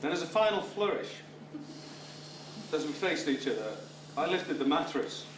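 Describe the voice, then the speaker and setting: A fairly high-pitched British man, middle-aged or older, speaks at a moderate pace with big swings in pitch as he gives a dryly witty father of the bride speech. The recording is roomy and taken from a distant microphone, and room noise and laughing guests come through clearly.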